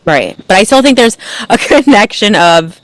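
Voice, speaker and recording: A woman's voice: medium pitch, animated, moderate pace, no echo, rough recording. A woman hosting a casual chat, laid-back and slangy. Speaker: host.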